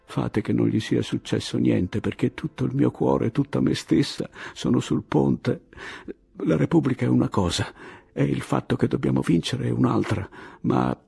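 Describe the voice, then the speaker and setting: A desperate young woman pours out a stammering prayer, her voice raised well above the reader's own low, gravelly tone, as a male storyteller puts her on. Her voice is husky and worn, climbing into a breathless plea. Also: dark tone, heavily acted.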